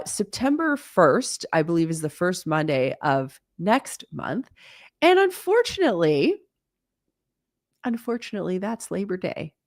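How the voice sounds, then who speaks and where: A woman's voice: on the low side, dry recording, clean studio sound. A woman in her forties hosting a live-stream Q&A, talking in a chatty, candid way with plenty of fillers. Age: 40s. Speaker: host.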